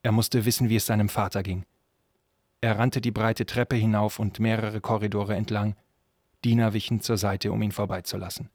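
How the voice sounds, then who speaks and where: Calm male fantasy narrator. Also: lowish voice, no echo, clean studio sound. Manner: calm, measured storytelling. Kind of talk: scripted narration of a fantasy story.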